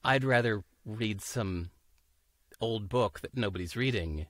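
In a casual video call interview from indoors at home, a US man in his fifties talks thoughtfully, often searching for words and laughing easily. His voice is on the low side and a bit bright, measured in pace, with no echo.

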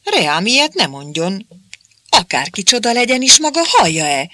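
A man's voice: high voice, very animated, bright, forceful tone, no echo, studio quality, voice pushed up, heavily acted. A man voicing a proud young peasant woman who bluntly rejects being talked down to. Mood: indignant. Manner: indignant, blunt, countryside speech.

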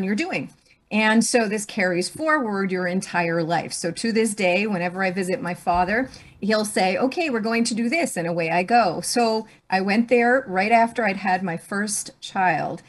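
A middle-aged business leader who grew up on a farm tells a personal story as a podcast guest. Her medium-pitched voice is animated, and she often restarts her phrases.

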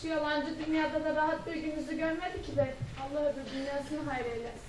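A woman's voice: high-pitched, little pitch movement, fast talker, close to an everyday voice. A woman playing a weary, pious old village mother and grandmother in a stage drama. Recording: echoey, distant, clear background noise.

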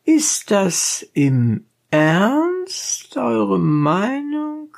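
A reader doing a defiant male donkey driver in a satirical audiobook, pitched well up and dragging out every stubborn point. The tone is gravelly and husky underneath. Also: animated, heavily acted. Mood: cold challenge. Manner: high, drawn-out, pedantic insistence. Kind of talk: audiobook narration.

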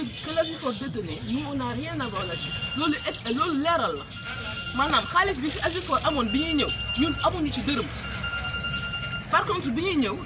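Outdoors under a tree before a crowd, a middle-aged Senegalese woman who manages a water company addresses a community meeting, defending her company's work. Her high-pitched voice is animated as she switches between Wolof and French and gestures with papers. A distant camera with no mic picks her up amid loud outdoor noise.

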